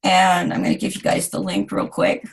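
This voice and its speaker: A hoarse woman in her forties giving a recorded design lecture, chatty and self-deprecating with asides to her students. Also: fairly low pitch, sing-song, moderate pace, slight background noise. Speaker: design instructor.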